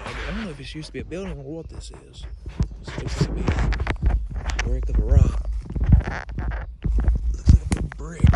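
A man's voice: medium pitch, very noisy. A young man, vlogging casually on a phone he holds at arm's length, rambling and uneasy as he explores outdoors. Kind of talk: casual vlog narration. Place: outdoors in wooded yard by old house, later indoors. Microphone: phone held at arm's length.

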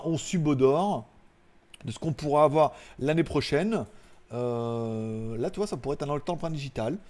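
A man's voice: a little high, darkish tone. A man from France, hosting a live tech news show in a rambling, joking way with crude asides and frequent laughter. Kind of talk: casual live tech chat. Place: home studio, live stream.

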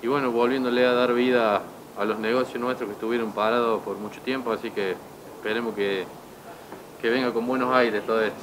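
A man's voice: mid-range voice, fairly even intonation, brisk. A young man who runs a café bar, speaking matter-of-factly behind the counter into a handheld mic. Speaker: bar owner. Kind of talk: street interview. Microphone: reporter's handheld mic. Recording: noisy café with machines.

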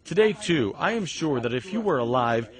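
An older man from near the Latvian border tells a story in an earnest documentary interview. His voice rises and falls with lively animation. He is recorded on a lapel mic in a museum exhibit room. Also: medium pitch, moderate pace. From Latvian border region.

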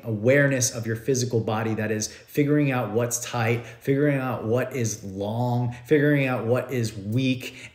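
Gesturing often, a man in his thirties explains yoga ideas to a live-stream audience, his middle-pitched voice animated and his phrasing loose and repetitive. He's indoors in his bare, echoey living room, recorded by a phone camera held close.

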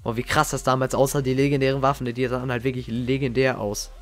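A young man giving casual, slangy reaction commentary as a gaming YouTuber, excitable and reminiscing. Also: mid-range voice, quick pace. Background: faint game music.

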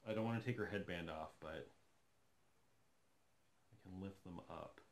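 A man's voice: low-pitched, normal speed. A man in his thirties chatting casually while unboxing a doll in his living room, enthusiastic and thinking aloud as he goes. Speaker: doll collector vlogger. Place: living room, seated on a sofa.

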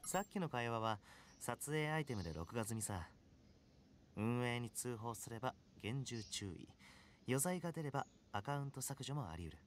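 A man voicing a suave young top-ranked gamer in a Japanese anime game, speaking with smooth, courteous confidence and quiet menace. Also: medium pitch, big pitch swings, a little hiss or hum, lightly acted. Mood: polite, confident. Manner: smooth, courteous, unhurried phrasing with cool confidence.

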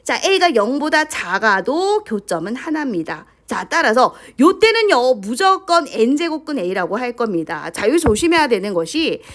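A woman teaching a high school math lesson, who keeps asking her students questions and prompting them along. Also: big pitch swings, a little slow, few pauses, a bit bright. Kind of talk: lecture to students.

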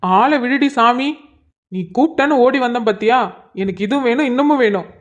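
A woman's voice: on the high side, brisk, dull audio, close to an everyday voice. A woman voicing an exasperated young college man in a cartoon, pleading and groaning as his girlfriend nags him. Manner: pleading, put-upon groaning. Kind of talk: cartoon voice acting.

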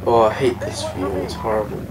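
A man giving live gameplay commentary, excitable, swearing often and taunting opponents. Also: lowish voice, fairly quick. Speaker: gaming commentator. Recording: game gunfire and vehicle noise behind. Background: loud in-game gunfire and vehicles.

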